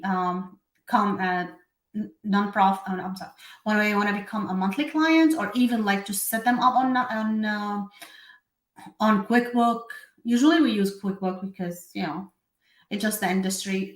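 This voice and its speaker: Chatty woman from Syria, echoey room. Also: medium pitch. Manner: chatty, with many fillers and self-corrections. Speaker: bookkeeping and tax host. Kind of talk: casual live explainer.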